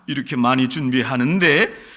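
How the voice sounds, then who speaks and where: A man's voice: mid-range voice, moderate pace, bright, forceful tone, voice pushed down. A male preacher voicing an exasperated, busy woman who bluntly complains to her guest. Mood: aggrieved.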